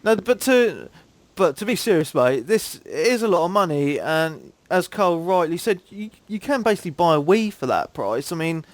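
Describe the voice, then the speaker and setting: A man's voice: sits high, big pitch swings, normal speed, no echo. A man from Cambridge with a southern English accent, hosting a gaming podcast in laid-back, slangy casual chat. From Cambridge, England.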